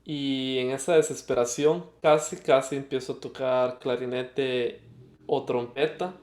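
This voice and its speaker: Speaking unhurriedly in a steady, darkish medium-pitched voice, a young Costa Rican guest musician reflects on his story during an interview. His Costa Rican Spanish accent comes through, with hesitations and fillers, and the sound is roomy.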